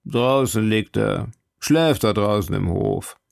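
A laconic prison guard who talks slowly and plainly, as a male narrator puts him on. The voice is gravelly and the sound dry and close. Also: fairly low pitch, dry recording, heavily acted.

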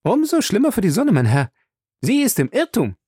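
A man's voice: on the high side, very animated, moderate pace, darkish tone, dry recording, clean studio sound, pitched above the performer's own voice. Passepartout, a man doing a chatty young French servant. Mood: indignant. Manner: chatty, proud, indignant. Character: excitable young male French manservant.

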